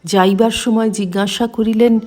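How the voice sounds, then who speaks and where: A woman reading a devotional memoir aloud in a measured, reverent way. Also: on the high side, steady tone, mellow, soft background music. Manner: measured, reverent reading in formal literary prose. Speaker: reader.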